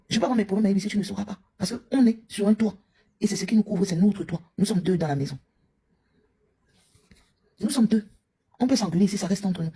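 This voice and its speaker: A woman's voice: mid-range voice, warm tone, slightly rough. A woman from Cameroon, a mother and live streamer, scolding a rival in a heated, confrontational rant. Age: young adult to middle-aged, a mother.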